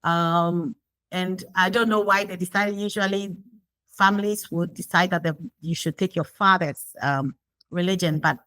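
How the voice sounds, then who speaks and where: A woman's voice: lowish voice, steady tone, moderate pace, fairly bright tone, dry recording, low-quality recording. A woman from Ghana being interviewed, talking reflectively with frequent fillers and restarts. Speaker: guest. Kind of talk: conversational interview.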